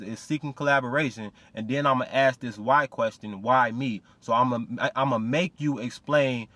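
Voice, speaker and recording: A man's voice: mid-range voice, no echo. Hyped-up guy reacting to a clip, says bro a lot, dry close sound. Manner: excited, keeps saying "you feel me" and "bro". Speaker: video commentator. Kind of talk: reaction commentary.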